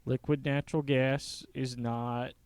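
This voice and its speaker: Smooth-voiced man explaining with fillers. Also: medium pitch, level tone, a little slow, a little mellow, dry recording. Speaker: podcast co-host. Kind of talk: casual chat.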